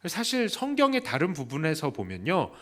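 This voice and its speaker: Lively Korean pastor preaching animatedly. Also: male voice, moderate pace. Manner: lively preaching with questions to the congregation; acts out quoted voices with raised pitch. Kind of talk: sermon. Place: church.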